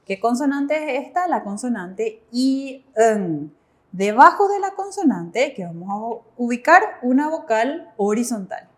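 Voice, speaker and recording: High-voiced woman teacher explaining patiently. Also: very animated, measured pace. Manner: patient, explains by asking and answering her own questions. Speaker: Korean language teacher. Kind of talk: step-by-step classroom explanation.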